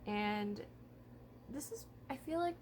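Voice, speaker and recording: Woman vlogger just chatting to camera, kinda thinking out loud, noisy background. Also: high-pitched, expressive, slow pace. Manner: informal, hedging, thinking aloud. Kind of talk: casual chat to camera about true crime.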